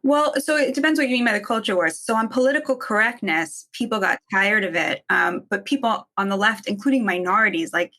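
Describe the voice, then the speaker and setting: Woman, thirties, bright voice, quick emphatic opinions, podcast guest. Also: mid-range voice. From from Boston, raised in Israel. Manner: fast, emphatic, many "I mean" and "um". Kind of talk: opinionated interview talk.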